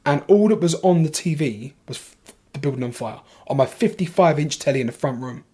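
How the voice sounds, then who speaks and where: A man with a London accent talking as a podcast guest, his voice sitting a bit high for a man. He tells his story in a casual, animated rush, swears freely and keeps restarting his sentences. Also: fairly quick, slightly rough.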